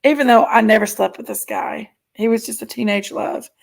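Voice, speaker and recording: A gravelly, fairly high voice at normal speed belongs to this woman in her 40s, who hosts a live stream and chats casually over viewer comments, candid and prone to giggling.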